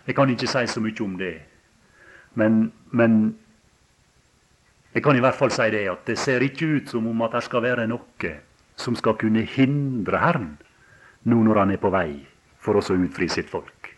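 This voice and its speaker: A man preaching a sermon, halting and repeating words, then building to emphatic stretches. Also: fairly low pitch.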